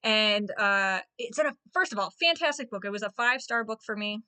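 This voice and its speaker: Woman, 30s, book vlogger; casual and gushing, lots of fillers, crisp tone. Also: medium pitch, animated, a little fast, pushed and bright. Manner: chatty, gushing, full of fillers.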